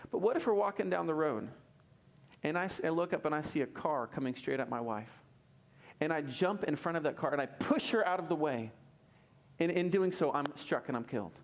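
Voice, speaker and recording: A male pastor preaching a sermon, animated, moving between soft and emphatic delivery and repeating key phrases. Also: fairly high pitch, a little fast, vocal fry. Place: church service.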